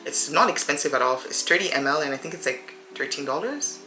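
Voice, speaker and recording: Quick, chatty woman in her thirties for a get-ready-with-me vlog; low, bright voice in a roomy space. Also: animated. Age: 30s. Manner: chatty and rambling, addresses viewers as friends. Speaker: beauty vlogger. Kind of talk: get-ready-with-me casual chat. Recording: roomy echo with faint music behind.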